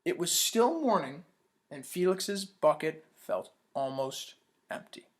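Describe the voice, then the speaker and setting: Reading a picture book aloud to children, a man with a fairly high voice speaks expressively and slowly. He teaches as he goes, pausing to quiz the kids and praise their answers during storytime.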